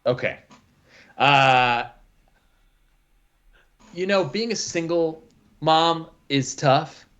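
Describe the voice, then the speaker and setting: A man's voice: a little high, very slow, long pauses, fairly bright tone, muffled recording. A man co-hosting a comedy call-in show, talking hesitantly with many stammered restarts. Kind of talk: improvised comedy talk.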